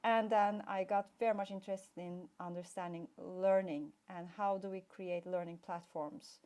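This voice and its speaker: Her voice sits on the low side, darkish in tone, with fairly even intonation and a normal speaking speed. She's a middle-aged woman from Turkey, a guest play expert telling her story in a casual, filler-heavy interview chat.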